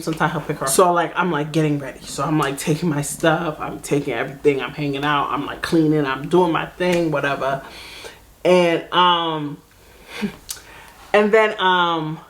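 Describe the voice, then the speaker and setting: A young woman spins a dating story in a loose, chatty way, full of "like" and little asides. Her voice sits a little low, and she leaps up in pitch whenever she acts out what someone said. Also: a little hiss or hum. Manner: animated, acts out quoted voices with big pitch jumps; chatty, full of fillers like "like" and "blah, blah". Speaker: storytime vlogger. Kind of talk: casual storytelling.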